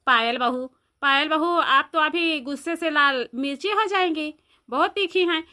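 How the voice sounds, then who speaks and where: A woman's voice: sits high, a little slow, pushed and bright. Woman doing a meddling young village woman. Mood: coaxing. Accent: Awadhi. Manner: questioning, coaxing.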